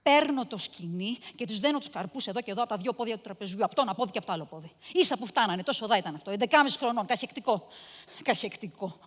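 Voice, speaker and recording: An actress playing a cruel, domineering mistress of a house, cold and contemptuous, breaking into shouts, in a stage monologue. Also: female voice, mid-range voice, lively intonation, long reverb tail, natural voice.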